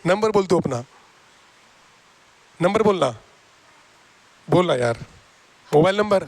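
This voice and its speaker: A man teaches a classroom math lesson in a noticeably high voice. He jokes and teases his students, coaxing them again and again to answer. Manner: teasing, joking with students; coaxing and repetitive.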